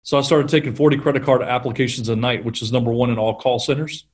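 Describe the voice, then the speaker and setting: Middle-aged man, mid-pitched, chatty storyteller with lots of energy, guest on a talk show. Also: fast talker. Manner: animated storyteller, acts out quotes, laughs often. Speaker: guest, sales trainer. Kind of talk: conversational storytelling interview.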